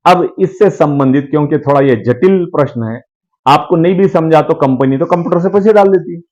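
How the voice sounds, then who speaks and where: A man leads a business training session in a brisk, animated way, swinging his pitch and calling his listeners sir. He acts out little dialogues, and the recording sounds muffled.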